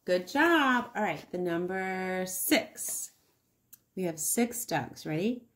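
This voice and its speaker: Female preschool teacher for a kids' counting video. Unhurried, animated intonation, encouraging, pauses for the child to reply. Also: fairly low pitch, slight background noise. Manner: encouraging, sing-song, pausing for answers. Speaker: early-years teacher hosting an online circle time. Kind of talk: child-directed counting lesson with questions to viewers.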